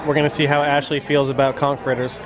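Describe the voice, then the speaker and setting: Casual man chatting amid loud restaurant chatter. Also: medium pitch, level tone, quick pace, heavy background noise. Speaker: dining review vlogger. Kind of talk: casual chat over a meal. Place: inside a busy restaurant. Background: loud diners' chatter.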